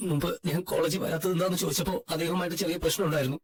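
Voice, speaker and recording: A man's voice: a little high, fairly even intonation, very fast, breathy edge. A man voicing a distraught young male college student, crying and pleading, in a fan-dubbed drama. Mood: despairing. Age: young adult. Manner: despairing and pleading.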